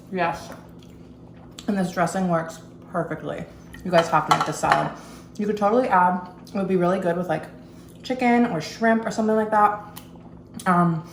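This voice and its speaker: A woman's voice: fairly low pitch, reverberant, slight background noise. A young woman in her twenties chatting casually to the camera in her kitchen while making food, bubbly and full of "you guys" and "like". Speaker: vlogger. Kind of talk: casual vlog chat. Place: home kitchen. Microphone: camera mic, then phone.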